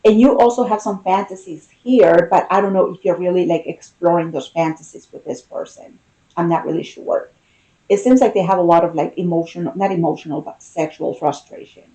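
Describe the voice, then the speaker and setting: A woman giving an unscripted, intimate tarot reading, pausing and thinking aloud as she talks to the listener. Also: lowish voice, dark tone, rough recording. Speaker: tarot reader.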